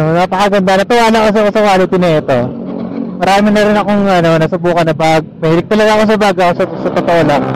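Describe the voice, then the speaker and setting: A man with a Filipino accent vlogs from inside his motorcycle helmet while riding, rambling casually in easygoing Taglish. His voice is high. The low-quality audio comes from a helmet intercom or action camera mic and picks up engine and road noise.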